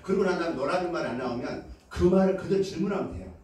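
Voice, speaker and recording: A man's voice: a little high, animated, racing, a little mellow. A man from Korea's Jeolla region giving a motivational lecture to a live audience, leading call-and-response and acting out quoted lines with frequent laughter. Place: lecture hall. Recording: echoey hall, heard from a distance.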